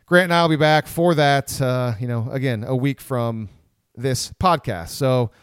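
Man, casual sports podcast host, smooth voice, rambling delivery. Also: medium pitch, a little slow, no echo, clean studio sound. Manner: rambling, with frequent restarts and laughs.

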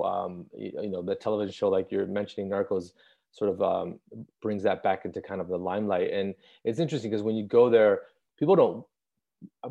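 Deep-voiced hesitant man on a video call. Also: mellow. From Chicago. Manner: thoughtful, hesitant, many ums. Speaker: visual artist guest. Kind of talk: remote interview over video call. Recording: dull lo-fi video call audio.

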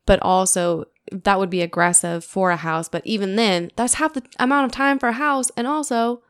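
A woman in her late twenties hosting a casual podcast, chatting in an animated way with lots of "like" fillers. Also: mid-range voice, moderate pace. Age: 20s. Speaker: podcast host.

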